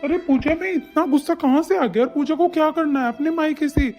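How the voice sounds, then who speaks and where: Reassuring young husband in a cartoon family drama, a bit high, woman doing him. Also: a little fast, darkish tone, soft background music. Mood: worried. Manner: reassuring, firm. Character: young husband, calm and protective of his wife. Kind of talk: animated family drama dubbing.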